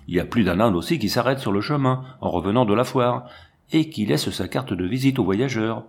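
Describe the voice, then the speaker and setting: A man narrating a classic adventure story in a lively, expressive reading style. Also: mid-range voice, brisk, vocal fry. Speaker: audiobook narrator.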